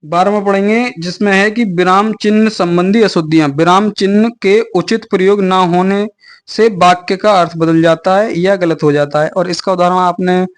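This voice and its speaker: High-pitched male teacher explaining patiently. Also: normal speed. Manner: explains patiently with many "ठीक है" and "अ" fillers; relaxed, chatty teaching with asides to students. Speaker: exam coaching teacher. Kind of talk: online class lecture.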